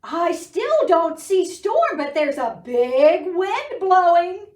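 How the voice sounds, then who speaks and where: A woman voicing an excitable male duck from a storybook, sputtering and repeating words. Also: extremely high pitch, slow, echoey room, pitched above the performer's own voice, heavily acted. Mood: urgent. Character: excitable male duck, flapping farm lookout.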